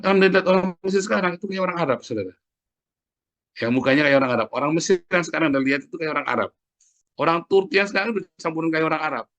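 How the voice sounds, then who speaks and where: A middle-aged man preaching a sermon, often adding "Saudara ya" and dropping from loud peaks to quiet asides. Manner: conversational preaching, often tagging phrases with "Saudara ya"; swings from loud emphatic peaks to low asides.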